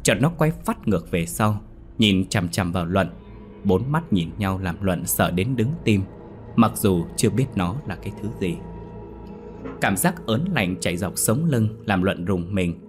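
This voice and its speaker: A man narrating a ghost story in a lively, expressive storybook manner. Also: deep voice, a little slow, soft background music.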